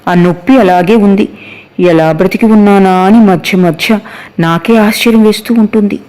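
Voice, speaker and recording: A weary young landowner speaks low and hesitantly in an audiobook story, voiced by a man in his own high-pitched voice. The lines come out subdued, with little force behind them. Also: moderate pace, darkish tone, natural voice, rough recording. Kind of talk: audiobook character voice.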